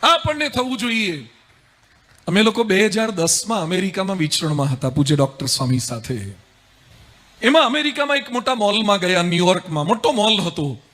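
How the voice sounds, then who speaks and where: High, bright-voiced monk telling stories. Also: male voice, brisk. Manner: lively storyteller, rhetorical and humorous. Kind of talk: spiritual discourse with anecdotes.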